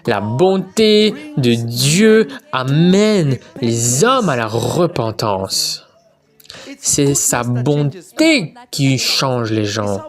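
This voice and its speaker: A preacher delivering a sermon, exhorting the congregation directly with commands and questions. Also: medium pitch.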